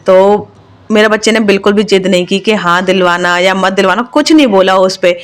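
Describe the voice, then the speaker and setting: A woman's voice: medium pitch, normal speed. A woman and mother narrating her own home vlog in a chatty, confiding voice-over, with lots of fillers. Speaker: vlogger, mother.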